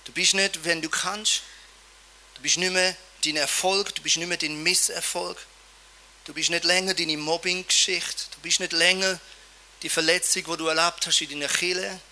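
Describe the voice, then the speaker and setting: A preacher delivers a sermon with lively emphasis and playful asides. His voice is high-pitched for a man and very bright and sharp in tone. He lands his points firmly. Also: moderate pace.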